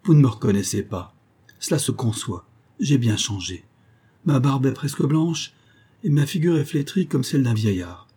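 A man reading the part of a weathered older boatman and former convict, low-voiced, humble and eager to serve. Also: expressive, normal speed, dark tone, slightly rough. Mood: earnest.

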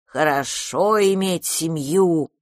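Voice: medium pitch, unhurried, dry recording, clean studio sound, pitched above the performer's own voice, lightly acted. A reader voicing a huge, clingy monster child who talks in a tearful, pleading, childlike way in an audiobook. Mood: sleepy. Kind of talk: audiobook character reading.

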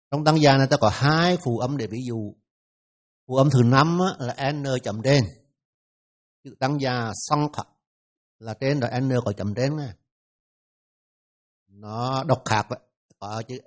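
In a classroom pronunciation lesson, a man with a Vietnamese accent slowly repeats each sound for his students. His voice sits in the mid range and has a slightly mellow quality.

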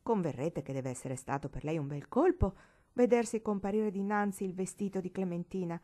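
A dignified old grandmother speaks in a measured, reproachful tone, tired but proper, voiced by a woman reading aloud. The reading keeps her calm and stern. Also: mid-range voice, natural voice. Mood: dry.

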